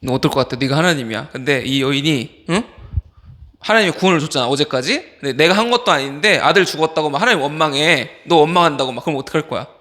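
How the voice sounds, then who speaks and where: An associate pastor delivers an informal youth sermon in a slightly high voice, talking fast. He is animated, firing questions at the teens and calling on them by name.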